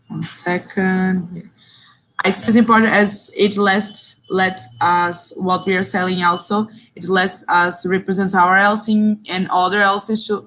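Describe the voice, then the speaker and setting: The audio is poor in this clip of a young Brazilian woman running an online training session in English. As facilitator, she reads chat answers out and offers quick praise, speaking with a Brazilian Portuguese accent in a medium-pitched, fairly bright voice.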